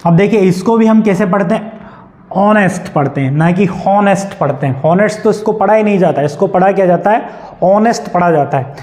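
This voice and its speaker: A man's voice: high-pitched, a little mellow. A young man with a Hindi accent teaching an English grammar lesson. He keeps asking the class questions and then answers them himself. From India.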